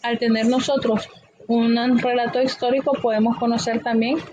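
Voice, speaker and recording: A woman teacher explaining a grammar lesson patiently, often pausing with fillers. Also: fairly high pitch, little pitch movement, darkish tone, a little hiss or hum, low-quality recording.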